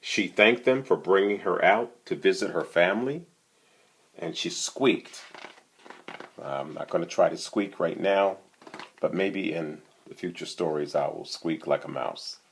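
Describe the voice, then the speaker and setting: A man with a low, gravelly, slightly rough voice reads at a measured pace. He's doing storytime, reading a picture book aloud to children in a conversational way, adding casual asides and questions for the listener.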